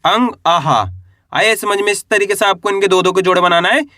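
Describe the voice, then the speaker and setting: A man teaching the Hindi alphabet, asking the learner to repeat each sound and drawing the syllables out slowly. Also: high-pitched, bright, forceful tone, dry recording, clean studio sound. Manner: stretches vowels and syllables in drawn-out teaching pronunciation. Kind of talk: alphabet lesson with call-and-response drills.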